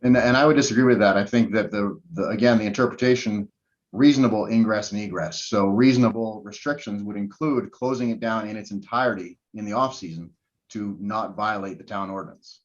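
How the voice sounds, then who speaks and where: A low-voiced man answers questions at a hearing for the other side, stopping often with ums and false starts. The audio is muffled and lo-fi. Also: fairly quick. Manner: hesitant, many ums and restarts. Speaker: respondent's representative.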